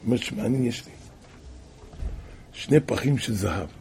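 A man telling a religious tale as a sermon, dropping to hushed asides and then crying out loud repeated calls. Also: expressive, vocal fry, slight background noise. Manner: shifts from hushed low asides to loud cried-out repetitions. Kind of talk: storytelling sermon.

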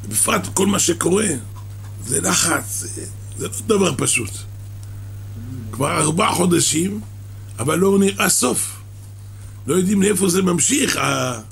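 A man giving a sermon that explains a midrash, halting and restarting his words and coughing now and then. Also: a little high, vocal fry, a bit bright, slight background noise. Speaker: religious teacher.

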